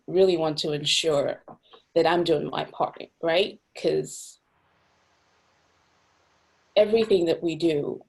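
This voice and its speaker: A woman's voice: low-pitched, vocal fry, slightly rough. A young adult woman from Cameroon, a nonprofit executive director, speaking thoughtfully in a video-call interview with frequent fillers and restarts.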